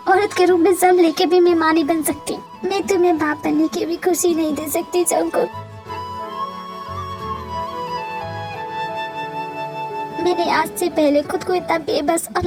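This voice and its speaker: A woman's voice: extremely high pitch, fairly even intonation, normal speed, music in the background. A woman voicing a heartbroken young wife who pleads tearfully and emotionally in a fan-dubbed romantic audio drama. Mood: despairing.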